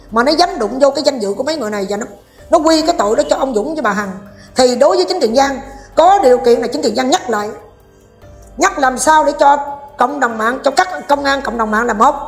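Lady vlogger ranting, high voice, talks super fast, scolding everyone, faint music under it. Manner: scolding, combative, addresses viewers directly. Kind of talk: heated commentary rant.

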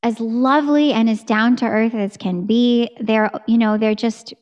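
An American woman in her thirties, a singer, chats eagerly in a casual video-call interview. Her voice sits a little high and she talks with her hands, close to a studio mic in a room at home. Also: steady tone, measured pace, a little mellow. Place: home room with curtain backdrop. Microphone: studio mic on a boom arm.

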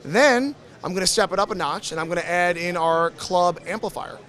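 A man in his thirties with a distinctly high voice. He explains a product in a conversational, enthusiastic sales style, informal and direct, into a handheld microphone at an indoor show booth. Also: normal speed, fairly bright tone. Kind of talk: conversational sales demo in an interview. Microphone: handheld interview microphone.

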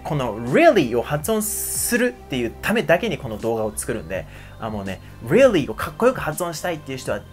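Lively young man teaching pronunciation. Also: medium pitch. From Japan. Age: 20s. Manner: energetic, chatty, repeatedly demonstrating sounds. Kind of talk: casual video lesson.

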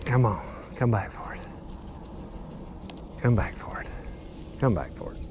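Wind noise picks up on the head-mounted camera as this young Kentucky-accented man fishes from a grassy pond bank. In an unhurried, fairly low voice with big pitch swings, he keeps up a casual commentary, chatting both to himself and to his vlog audience.

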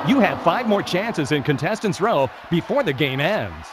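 A man playing an energetic TV game show host, with scripted, exclamatory and showy delivery. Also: a little high, normal speed. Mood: upbeat, showy. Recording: loud music and studio crowd behind.

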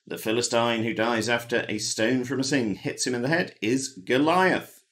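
A man's voice: mid-range voice, moderate pace, fairly bright tone. A man hosting a pub quiz, reading out the answers with dry, wry asides. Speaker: quiz host. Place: home, recorded alone.

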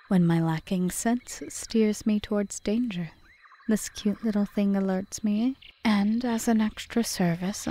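Playing a calm, calculating forest witch in an ASMR roleplay monologue, a woman with a mid-range voice speaks in a measured, formal manner that often drops to a whisper.

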